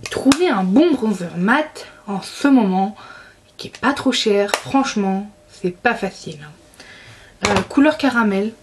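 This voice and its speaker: A woman's voice: mid-range voice, animated, measured pace, noisy background. A young woman chatting casually about her monthly beauty favorites, enthusiastic and full of fillers and restarts. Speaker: beauty vlogger.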